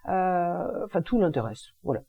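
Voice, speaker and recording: A woman's voice: lowish voice, sing-song, moderate pace, gravelly, slightly rough, narrow, tinny audio. A woman explaining astrology in a casual, chatty monologue, using informal slangy expressions. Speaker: energy healing and astrology presenter.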